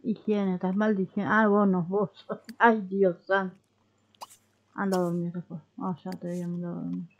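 A woman's voice: lowish voice, level tone, moderate pace, dull audio. A woman with a Rioplatense Spanish accent giving casual let's-play commentary, chatty and coaxing as she talks to her characters like babies. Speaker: gaming YouTuber.

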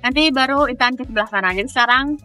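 A woman's voice: sits high, fast talker, pushed and bright, faint music behind. A woman vlogging outdoors at a waterfall, talking in a chatty, upbeat way with lots of fillers and an Indonesian accent. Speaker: travel vlogger. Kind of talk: casual travel vlog.

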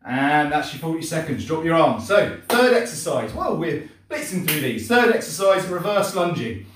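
A man's voice: fairly high pitch, big pitch swings, moderate pace, a bit bright. A middle-aged man leading an exercise class as instructor, coaching in short, encouraging commands. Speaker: fitness and martial arts instructor. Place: indoor home gym, hard walls. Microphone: distant camera mic across the room. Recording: echoey room, far from the mic.

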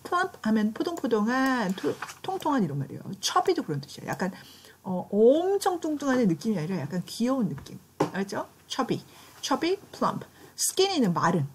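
Brisk, lively Korean woman teaching. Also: a little high, a little hiss or hum. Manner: brisk, checks in with students often. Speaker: English vocabulary teacher. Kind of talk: classroom vocabulary lesson.

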